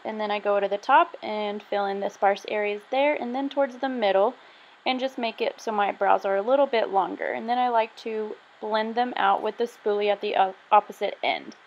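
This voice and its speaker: A woman's voice: medium pitch, steady tone, normal speed, muffled recording. A young woman casually narrating her makeup tutorial in a chatty, self-deprecating way. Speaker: beauty vlogger.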